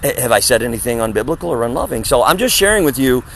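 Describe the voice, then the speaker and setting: Outdoors in a parking area, a street preacher addresses a small group in conversational style, speaking emphatically, asking rhetorical questions, and imitating other people's voices. His mid-range voice is animated and quick. A little hiss or hum can be heard.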